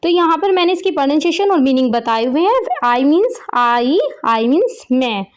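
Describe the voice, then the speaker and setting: A woman with an Indian accent teaching a children's English lesson. She reads the English lines very slowly, then explains each word in simple terms. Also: high voice, animated, a little mellow.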